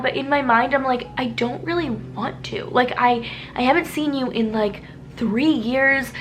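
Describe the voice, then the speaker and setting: A beauty vlogger in her twenties, with a fairly high, fairly bright voice, chats casually to a small camera indoors in a talking-head vlog, rambling with lots of "likes" and restarts while street noise drifts in from outside.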